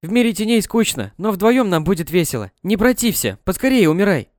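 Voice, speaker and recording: A man voicing an eerie little ghost girl, a coaxing, insistent dark twin in a storybook. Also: high voice, very animated, a little fast, no echo, studio quality, voice pushed up.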